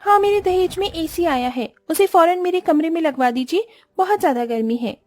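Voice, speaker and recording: A woman voicing a selfish, spoiled rich young wife who talks in a shrill, demanding way in a cartoon. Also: animated, moderate pace, darkish tone, dry recording, soft background music.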